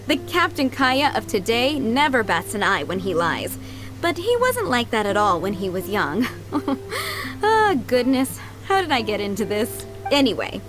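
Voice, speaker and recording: A woman lightly acts a lively, kindly, motherly head maid in a video game, her voice at medium pitch over background music. Polite, doting and gently chatty, the maid fondly remembers the boys she raised.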